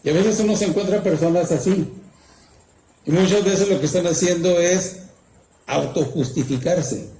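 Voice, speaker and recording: A man's voice: high voice, moderate pace, warm tone. A man preaching a campfire sermon, telling a story and asking rhetorical questions. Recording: roomy echo, faint background noise.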